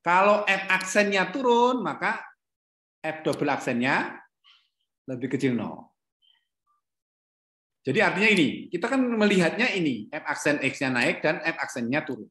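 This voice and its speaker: A middle-aged man teaches calculus online from a room at home rather than an office, and the recording echoes. His voice sits a little high with big swings in pitch and a fairly bright tone. He's unhurried and pauses often, poses questions, corrects himself, and keeps repeating "ya."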